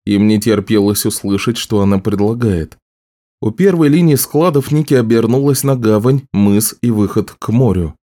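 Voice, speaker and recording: Male narrator, low, mellow, even storytelling. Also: normal speed. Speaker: audiobook narrator. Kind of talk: scripted narration.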